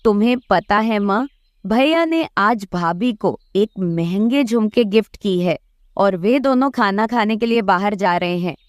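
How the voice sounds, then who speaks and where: A woman's voice: medium pitch, measured pace, no echo, studio quality, close to an everyday voice. A woman voicing a jealous, spiteful young sister-in-law bird in a cartoon, complaining in a whiny way.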